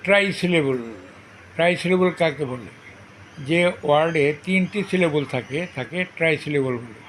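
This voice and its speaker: A man's voice: fairly high pitch, moderate pace, a bit bright, slight background noise, poor audio. A man teaching a grammar lesson, repeating each definition twice and breaking example words into syllables one by one. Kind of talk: slow repetitive grammar lesson.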